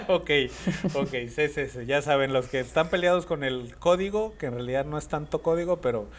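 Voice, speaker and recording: A male podcast host with a slightly high-pitched voice. He asks his guest questions in a relaxed, chatty way. He keeps turning to address his listeners directly. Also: normal speed. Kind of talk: casual interview.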